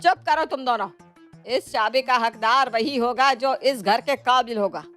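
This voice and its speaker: A woman's voice: on the high side, measured pace. Woman voicing a stern old mother-in-law. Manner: firm, commanding. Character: older mother-in-law, proud head of the house. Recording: dry close voice over soft music.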